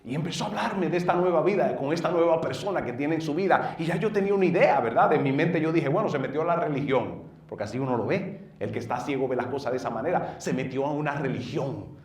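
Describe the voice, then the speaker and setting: A middle-aged man with a Dominican accent, a pastor telling his personal testimony in an earnest way, going from loud bursts to low murmurs. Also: fast, hardly any pauses. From northeastern United States. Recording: roomy sound from a distant mic.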